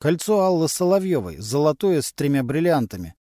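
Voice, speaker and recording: A man voicing a calm, stern male police captain questioning a suspect in firm, measured tones. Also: fairly high pitch, no room sound, clean studio sound.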